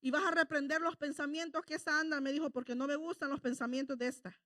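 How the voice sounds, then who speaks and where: A woman preaches a sermon in a high voice. She tells personal stories and acts out the lines of God and the devil. The sound is dry and close. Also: steady tone, quick pace, pushed and bright, dry recording. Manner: asks the congregation for agreement.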